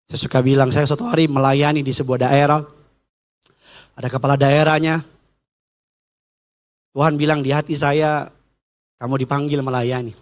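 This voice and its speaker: A middle-aged man preaching a sermon, animated and teasing, acting out the people he quotes. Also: medium pitch, moderate pace, pauses often. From Batak. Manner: animated, acts out quoted people in raised voices; jokey, teasing asides. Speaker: pastor. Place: church stage.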